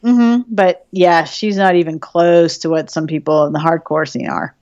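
A woman's voice: on the low side, steady tone, moderate pace, a little mellow, no room sound, dull audio. A woman co-hosting a podcast in casual chat, swearing freely and laughing often. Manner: profane, laughing, chatty. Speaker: podcast co-host.

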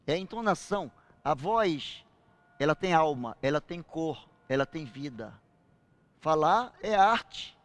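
An older man preaching a sermon, slowing down and swelling on key phrases. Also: high voice, a bit bright, no echo.

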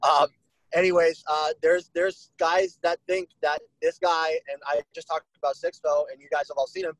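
A man's voice: a little high, fairly even intonation, normal speed, fairly bright tone, no echo, low-quality recording. A man talking as a guest in a casual podcast chat, rambling with lots of "you know" fillers.

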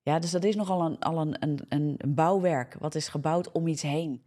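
Hosting a live morning prayer broadcast on social media, a Dutch-accented woman preaches fervently in a deep voice with a warm, dark tone. She keeps a moderate pace, often checks in with "ja?", and restarts and self-corrects.

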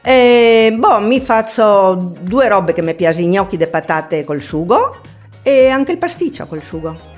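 A woman's voice: medium pitch, expressive, measured pace, a little mellow. A woman in her eighties from Trieste with a Triestine dialect accent, chatting in a rambling, conversational way. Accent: Triestine, north-eastern Italian dialect. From Trieste, Italy. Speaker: interviewed grandmother. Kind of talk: casual interview chat, dialect mixed with Italian. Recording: music under the voice.

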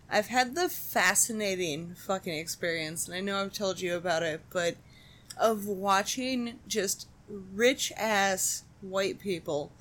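A young adult woman co-hosting a podcast, telling stories in swearing, quick casual chat with mocking quoted voices. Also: mid-range voice, a bit bright. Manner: profane, fast storytelling with mocking quoted voices. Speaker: podcast co-host.

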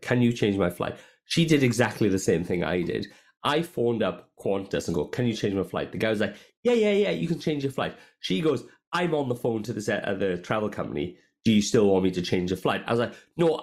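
A man's voice: on the low side, fairly quick. A man telling a story on a casual podcast, swearing often and acting out what people said. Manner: swears a lot, animated, acts out quotes. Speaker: podcast co-host.

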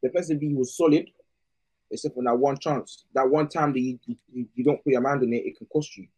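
A man's voice: mid-range voice, fairly even intonation, fast, dark tone, slightly rough, low-quality recording. A young man with a London accent giving casual, slangy football analysis as a podcast panellist.

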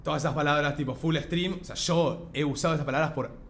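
A man's voice: a little high, quick pace, fairly bright tone, a little hiss or hum. Young Argentine male host, easygoing, filler-heavy. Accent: Rioplatense Argentine. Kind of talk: casual chat.

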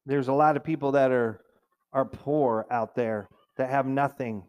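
A man's voice: mid-range voice, steady tone, a little slow, darkish tone, clean tone. A middle-aged man preaching a sermon as pastor, in a conversational way, now and then mimicking complainers in a raised whiny voice.

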